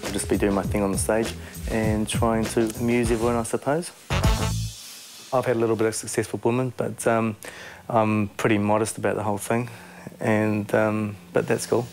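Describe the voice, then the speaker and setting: A man's voice: lowish voice, level tone, normal speed, a little mellow, faint music behind. A man talking casually, as in an interview.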